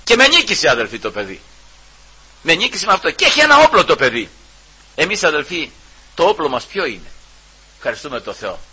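A man preaching a sermon, repeatedly calling out to his brothers and swinging between loud emphasis and hushed asides. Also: a little high, huge pitch swings, long pauses, breathy edge, rough recording.

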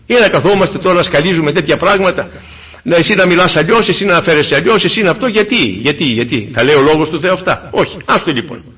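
A man preaching a fervent sermon, swinging between loud exclamations and hushed asides to the congregation. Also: sits high. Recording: dull lo-fi recording.

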